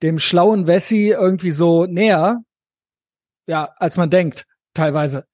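High-voiced chatty West German man. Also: slow, a little mellow, no echo, clean studio sound. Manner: chatty, slangy, keeps adding tag questions. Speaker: podcast co-host. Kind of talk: casual political chat.

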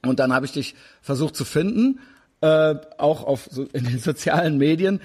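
This interviewer, a man in his forties, has a slightly high voice with a darkish tone and a breathy edge, and he keeps a moderate pace. Chatting casually with his guest over video call, he rambles and often restarts, leaning heavily on fillers.

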